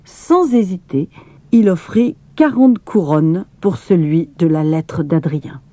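Slow, mellow woman reading a storybook. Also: lowish voice, no echo. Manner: calm, measured reading. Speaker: narrator. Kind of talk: storybook narration.

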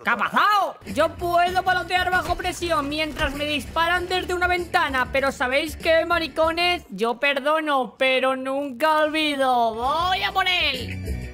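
A man with a Spain Spanish accent voicing a camp, flamboyant, cocky, lewd male soldier in theatrical, taunting gameplay commentary, with shouted catchphrases. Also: very high-pitched, unhurried, exaggerated voice. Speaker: gaming YouTuber. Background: game music.

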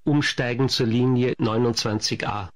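A man's voice: medium pitch, fairly even intonation, noisy background. Man making subway announcements. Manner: formal, measured listing of stops and transfers. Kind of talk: subway station announcement, scripted.

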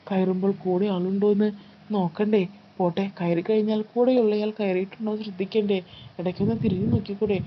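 A woman narrating a first-person life story in a calm, steady storytelling read. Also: mid-range voice. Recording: slightly muffled with faint background noise.

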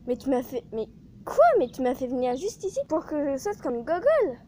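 A man voicing an impatient young woman in a comedy skit, with an exaggerated squeaky delivery. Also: big pitch swings, a little fast, dark tone, a little hiss or hum. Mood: exasperated. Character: bossy impatient young woman named Lynn.

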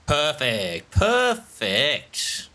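A man's voice: fairly high pitch, bright, forceful tone. A man giving let's play commentary, talking to himself as he plays, with frequent exclamations and laughter. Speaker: gaming channel host.

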